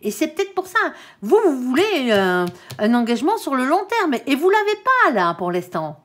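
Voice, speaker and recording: Lively woman reading tarot. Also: high-pitched, moderate pace. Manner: frequent tag "hein", conversational and reassuring; stumbles over words. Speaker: tarot card reader. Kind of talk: tarot reading addressed to viewers.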